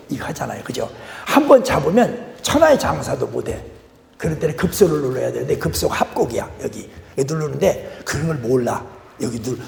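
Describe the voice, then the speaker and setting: A man's voice: mid-range voice, creaky, a little mellow, slight background noise. An older man preaching a guest sermon in a church, folksy, with joking asides to the congregation. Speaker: guest pastor. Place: church sanctuary. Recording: echoey church hall.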